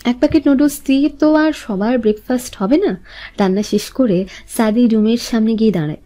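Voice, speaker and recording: A woman narrates a romance in a smooth, steady reading voice. Her tone is high and mellow. Soft music plays under the narration. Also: a little fast. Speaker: storyteller.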